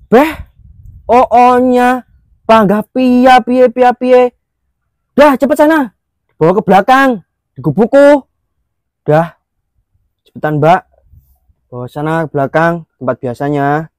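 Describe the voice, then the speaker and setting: A man's voice: sits high, slow, long pauses, no echo. A man playing a brash, bossy young man who hurries everyone along in a comedy skit. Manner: bossy, hurrying others along.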